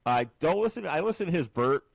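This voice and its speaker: A man co-hosting a casual sports podcast, his pitch leaping around as he jokes and gets excited. The sound is close and dry, with no room echo at all. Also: quick pace, creaky. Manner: animated, jokey, swings pitch high when excited. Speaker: podcast co-host.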